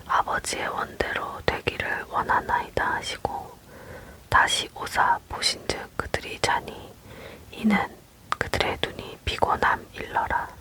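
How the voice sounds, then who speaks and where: Someone whispering a bible reading asmr style, right up on the mic, slow and hissy bright, no voice at all. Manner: whispering close to the mic, fully unvoiced. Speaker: reader of scripture. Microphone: close microphone.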